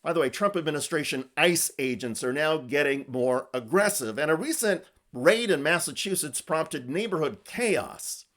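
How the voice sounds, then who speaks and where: Animated man delivering political news commentary. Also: on the high side, moderate pace, few pauses.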